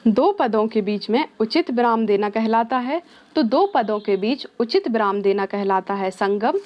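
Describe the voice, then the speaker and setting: Woman, exam-prep teacher, fairly high voice, answers her own questions, mixes in English words, slightly muffled recording. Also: expressive, moderate pace. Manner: asks questions then answers them herself. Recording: slightly dull, lo-fi sound.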